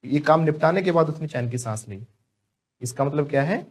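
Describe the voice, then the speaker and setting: A man's voice: on the high side, lively intonation, fairly quick, slight background noise. A man teaching spoken English to a class, drilling students to repeat phrases after him.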